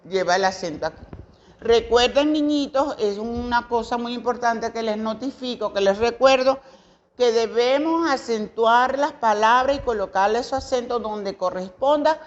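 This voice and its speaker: Venezuelan woman teacher explaining grammar to kids, fairly high voice, slow patient examples, dull lo-fi sound. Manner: patient, explanatory, repeats example words slowly; hesitant fillers and self-corrections. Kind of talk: recorded grammar lesson for children.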